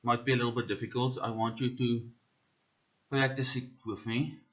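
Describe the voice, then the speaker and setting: A man with a South African accent giving a pronunciation lesson. He says each word slowly three times and explains terms with pauses and fillers. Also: medium pitch, fairly even intonation, dull audio. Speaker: pronunciation teacher.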